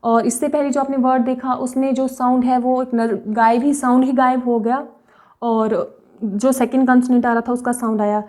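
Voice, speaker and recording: A young woman teaches a language lesson in a high, mellow voice. She explains each point patiently, says example words slowly more than once, and keeps checking that her viewers follow. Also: flat delivery. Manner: explains patiently, often checks understanding with "right?" and "okay?".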